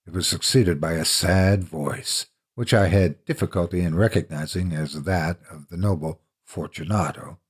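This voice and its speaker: A man narrating a classic horror story in a theatrical, deliberate, dramatic manner. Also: low voice, breathy edge.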